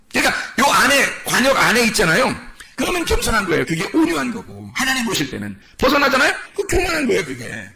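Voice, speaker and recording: A male pastor preaches a sermon in church, animated and peppering the congregation with rhetorical questions. His voice is high-pitched with vocal fry.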